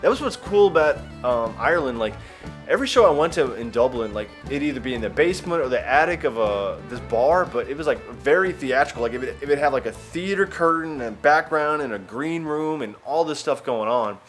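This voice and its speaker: A man's voice: mid-range voice, expressive, brisk, soft background music. A young man vlogging his travels in a wry, rambling, self-mocking way. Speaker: travel vlogger and stand-up comedian. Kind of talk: casual vlog chat.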